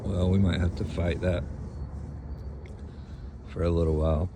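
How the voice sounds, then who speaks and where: A man giving an earnest spiritual monologue to his followers, pausing often and clearing his throat between phrases. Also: deep voice, level tone, noisy background. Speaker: spiritual channeler.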